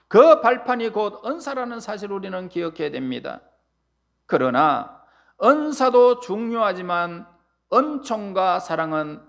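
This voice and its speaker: A man's voice: very high voice, creaky, a bit bright. A male pastor preaching a sermon in church, pressing words with rising emphasis and letting phrase endings fall away. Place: church sanctuary.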